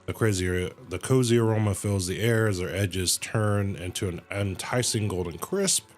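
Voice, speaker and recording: A man with a fairly low voice streams a game at a moderate pace, casually reading the dialogue aloud and reacting in slang. He sometimes stumbles and corrects himself, with video game music playing behind him.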